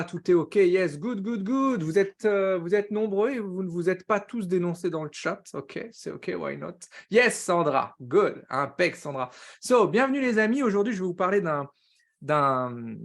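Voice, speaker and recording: An energetic man runs a live coaching stream in a fast, upbeat patter. His voice sits a bit high for a man, and he peppers his talk with quick English words. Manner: says he talks very fast; upbeat, greets viewers by name, drops English words.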